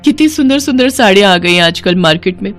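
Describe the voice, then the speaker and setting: A woman voicing a young daughter-in-law in a cartoon, quick, defensive and excitable. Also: mid-range voice, faint music behind, close to an everyday voice. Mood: dreamy. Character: young wife, fibbing, flustered daughter-in-law. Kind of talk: cartoon voice acting.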